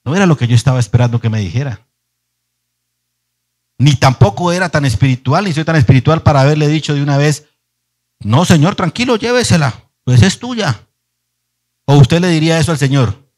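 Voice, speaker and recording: A pastor with a somewhat high-pitched voice preaching a sermon. He tells his own story earnestly, pressing hard on key lines and dropping to a hush in between. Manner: earnest storytelling, swinging between emphatic and hushed.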